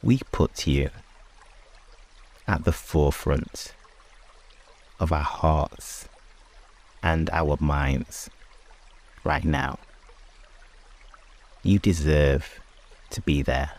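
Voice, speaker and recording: Speaking at an extremely low pitch, a man guides a sleep meditation in short, hushed phrases separated by long pauses, much like guided prayer.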